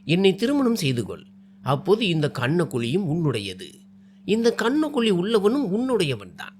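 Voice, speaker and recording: A man voicing a charming, possessive young man who teases and coaxes in a lively, swinging voice. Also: high voice, moderate pace, a little hiss or hum. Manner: teasing, coaxing, turns cold and threatening.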